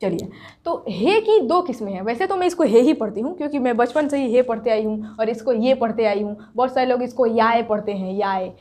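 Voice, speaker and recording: High-voiced woman teaching a grammar lesson. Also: a little fast, darkish tone. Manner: asks questions and answers them herself; repeats example words, drawing them out. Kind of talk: grammar lesson explained to students.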